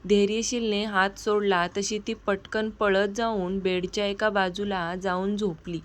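A woman reading a serialized romance story aloud in a steady, even storytelling voice. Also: mid-range voice. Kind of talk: scripted narration of a serial story.

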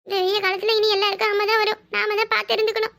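A woman voicing a fussing, caring older village mother-in-law in a cartoon, speaking with a southern Tamil Nadu accent and giving orders fast. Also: very high voice, little pitch movement, creaky, fairly bright tone, exaggerated voice. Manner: bossy, fast, scolding yet tender. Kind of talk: cartoon voice acting.

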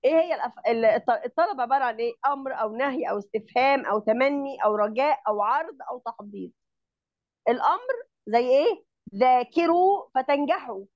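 Egyptian woman, online grammar tutor, slightly high voice, patient step-by-step explainer who checks understanding, muffled call audio. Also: expressive, quick pace, dry recording. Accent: Egyptian Arabic. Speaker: Arabic grammar teacher.

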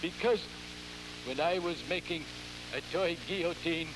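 A man playing a ghoulish, theatrical horror host, halting and repeating his words in a campy, scheming, cackling manner on an old television show. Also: on the high side, natural voice. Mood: macabre, gleeful. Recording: noisy, humming vintage television recording.

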